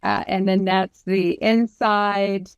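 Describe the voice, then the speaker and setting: A woman talks eagerly in a casual chat, laughing easily. Her pitch sits in a middle range. The recording is dry and close. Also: steady tone, clear, resonant tone, no echo, dull audio. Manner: enthusiastic, quick to laugh. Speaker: guest collector.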